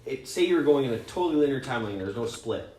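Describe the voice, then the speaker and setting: A man on a podcast, one of its co-hosts, races through geeky explanations in a casual, excited, sweary ramble. His medium-pitched voice is expressive and a little mellow, and the room adds echo along with faint noise.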